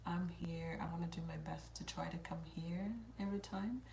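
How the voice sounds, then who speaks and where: On her livestream, the South Sudanese host who grew up in Kenya chats informally about hair, answering questions in a blend of English and Swahili with an East African accent. She speaks at normal speed in a lowish, gravelly, slightly mellow voice with a flat delivery, amid roomy echo and faint noise.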